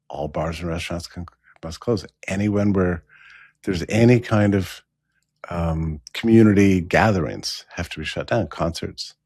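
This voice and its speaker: A man's voice: low-pitched, a little mellow, breathy edge, dry recording, studio quality. A man hosting a show, retelling a past event in a musing, questioning way, wondering aloud. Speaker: show host.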